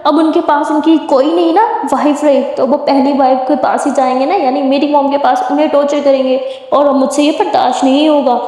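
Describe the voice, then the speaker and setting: A woman's voice: high-pitched, steady tone, a little fast, few pauses, mellow, close to an everyday voice. A woman voicing a brooding biker girl. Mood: bitter. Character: upset angry young woman, biker, protective daughter. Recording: echoey room with long reverb.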